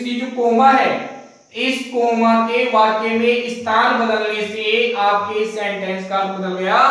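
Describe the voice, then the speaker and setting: A man teaches grammar, speaking in a very high voice that stays level with little rise and fall. He works through each point slowly and keeps putting questions to the class and answering them himself. The voice comes from some way off the mic in a strongly echoing room. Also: a bit bright. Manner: explains step by step, often asks and answers his own questions. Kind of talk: classroom lecture. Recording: echoey room, voice from far off.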